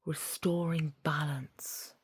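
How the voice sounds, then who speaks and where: A woman leading a guided meditation in a soft, half-whispered voice, soothing and deliberate, phrase by phrase. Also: sits low, fairly even intonation, breathy edge, dry recording.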